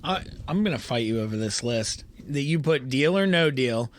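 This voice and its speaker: A man's voice: medium pitch, animated, moderate pace. A man in his thirties co-hosting a casual podcast, laughing often and swearing while bantering over a ranked list. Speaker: podcast co-host. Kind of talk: casual chat.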